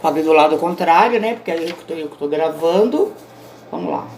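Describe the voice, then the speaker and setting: Her voice is deep, animated and darkish, moving a little fast, with slight background noise. She's a teacher self-recording an online grammar lesson indoors at home, patiently explaining and often checking that students are following.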